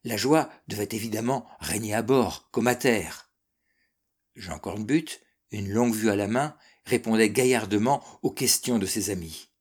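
A man narrating a classic seafaring novel as an audiobook, measured and expressive. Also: on the low side, breathy edge. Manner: measured, expressive reading that darkens and softens in sad passages.

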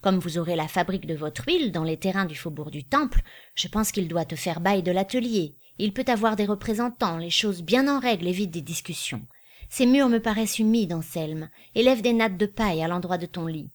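A woman reads a serious older magistrate with a measured, weighty delivery. He sounds calm, stern and deliberate. He is the voice of authority in a storybook reading. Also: fairly low pitch, natural voice. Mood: grave. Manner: grave, measured.

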